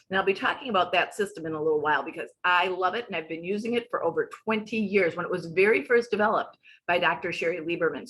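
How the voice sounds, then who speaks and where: A woman's voice: medium pitch, fairly bright tone, poor audio. A woman in her sixties, a wellness coach giving a casual, chatty talk over slides that wanders off on tangents and back. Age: 60s.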